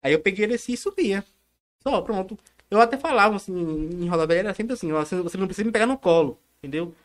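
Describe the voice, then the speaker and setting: A man chatting casually as an interview guest, halting and repeating words and phrases as he goes. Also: high voice, lively intonation. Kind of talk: casual chat.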